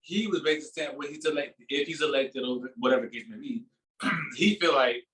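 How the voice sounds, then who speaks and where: A man's voice: mid-range voice, fairly quick, fairly bright tone, recorded from a distance, rough recording. A man co-hosting a casual podcast, raising topics and retelling moments with animation. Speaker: podcast co-host.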